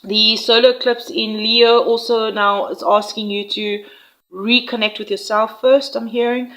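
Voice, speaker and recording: Unhurried woman reading tarot cards. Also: fairly high pitch, little pitch movement, fairly bright tone, rough recording. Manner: unhurried, reassuring, with frequent "um" and "all right?" tags. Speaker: tarot reader. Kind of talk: intuitive tarot reading to viewers.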